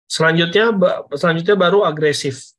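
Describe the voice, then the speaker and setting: A man's voice: on the high side, moderate pace, a bit bright. A man giving a casual parenting lesson to parents over slides, repeating phrases and checking in with "oke?". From Indonesia. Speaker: parenting educator.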